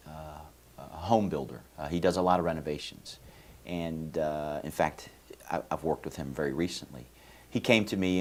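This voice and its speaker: A Venezuelan lawyer, appearing as a guest in a TV studio, answers interview questions in a folksy, explanatory way with many fillers. His voice is low-pitched and a little mellow.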